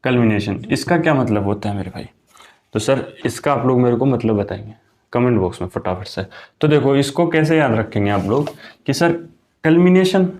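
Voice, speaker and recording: A man's voice: mid-range voice, lively intonation, brisk, a little mellow. A young man teaching an exam-prep vocabulary lesson in a chatty, casual way, often calling his students brother. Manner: chatty, keeps saying "my brother" and "okay".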